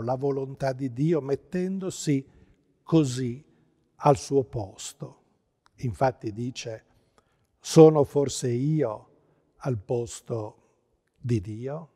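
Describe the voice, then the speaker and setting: A middle-aged Italian man preaching a sermon as pastor, with slow, measured phrasing and emphatic stresses, recorded in a church before a pipe organ. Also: medium pitch, dark tone. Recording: long church reverb.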